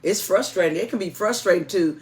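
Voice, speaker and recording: A woman's voice: lowish voice, fairly quick, darkish tone. Folksy woman, church co-host. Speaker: church music director and co-host. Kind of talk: informal announcements and chat.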